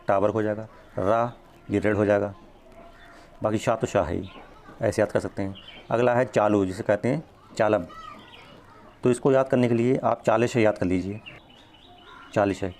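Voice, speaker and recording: A man's voice: on the low side, darkish tone, slight background noise. A man teaching an exam-prep grammar lesson, explaining step by step, drawing out the sounds he demonstrates and checking in often.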